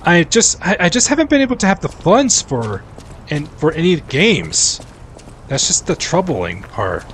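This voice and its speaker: A man's voice: a little high, a little slow, a little hiss or hum. A man in his forties chatting casually and rambling, restarting sentences while he live-streams a game. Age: 40s. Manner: rambling, animated, restarts often.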